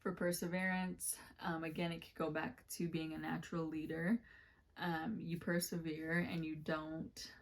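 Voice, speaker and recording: A woman's voice: low voice, flat delivery, normal speed. A woman with a slightly scratchy voice giving a casual tarot reading, rambling and correcting herself as she goes. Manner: rambling, warm-hearted, many fillers and self-corrections. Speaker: tarot reader.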